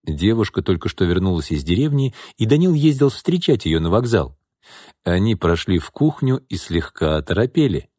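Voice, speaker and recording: Lowish guy reading a novel aloud, lots of up and down, dry close mic. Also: moderate pace, no echo. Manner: expressive storytelling. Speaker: audiobook narrator. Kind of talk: scripted narration.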